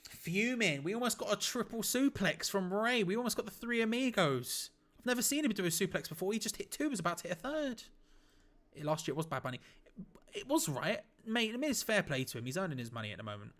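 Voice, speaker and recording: Streaming a wrestling watch-along, this excitable man calls the action live in a quick, casual, blunt voice pitched a little higher than most men's. He drops the occasional mild swear and breaks into shouts whenever a big move lands.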